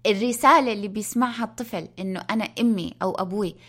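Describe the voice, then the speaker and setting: Quick, earnest woman. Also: medium pitch, a bit bright. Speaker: podcast co-host. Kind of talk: casual conversational podcast.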